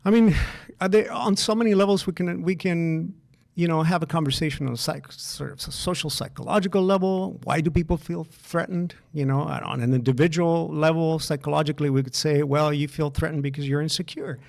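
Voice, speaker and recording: A middle-aged Chilean man co-hosts a casual podcast in a fairly high, gravelly, darkish voice, speaking fairly quickly with even intonation. He talks earnestly, repeats words as he starts, and often checks in with "right?".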